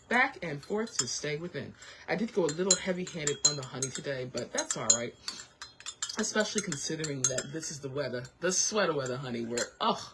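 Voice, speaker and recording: A woman hosting a radio show, chatting in an animated, sassy way. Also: noisy background. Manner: animated, sassy, swoops into high excited squeals. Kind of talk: casual talk radio chat. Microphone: studio microphone.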